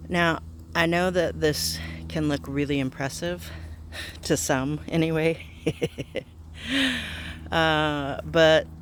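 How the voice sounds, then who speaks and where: A man talks casually as he films outdoors. His voice sits a bit high and he speaks at an unhurried pace, often pausing to think aloud. Light outdoor noise surrounds him. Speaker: gardening vlogger. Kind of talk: casual vlog narration. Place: outdoors in a backyard garden.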